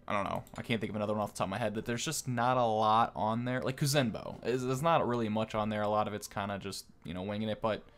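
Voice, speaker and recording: A man with a fairly low, gravelly voice hosts a gaming video. He keeps the commentary casual and conversational, explaining the details as he goes as if walking a viewer through them.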